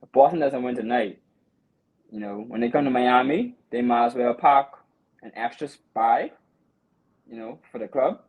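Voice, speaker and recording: Regular-pitched guy going over the game, says bro a lot, animated. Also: moderate pace, pauses often, narrow, tinny audio. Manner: animated game breakdown, repeats "you know" and "bro". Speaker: podcast host. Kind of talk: casual sports chat.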